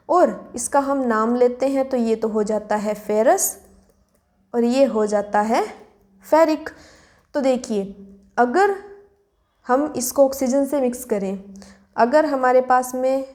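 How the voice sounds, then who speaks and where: Mellow-voiced woman teaching chemistry. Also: fairly high pitch. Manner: asks questions and answers them herself, slows to spell out formulas. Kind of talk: classroom lesson explanation.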